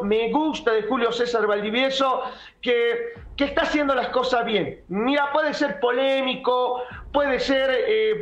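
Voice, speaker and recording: Guy hosting a football talk show, high voice, keeps hammering his point, echoey muffled call audio. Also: a bit bright. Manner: emphatic, repetitive, keeps addressing co-host by name. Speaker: sports show host. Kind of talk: sports debate talk. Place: indoor room at a desk. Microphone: earphone headset on a video call.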